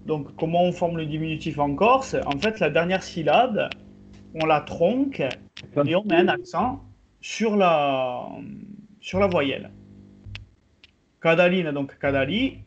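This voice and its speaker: A man teaching a group language class over a video call, explaining slowly with many pauses and fillers. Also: a little high, expressive, a little hiss or hum. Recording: slightly muffled video call audio.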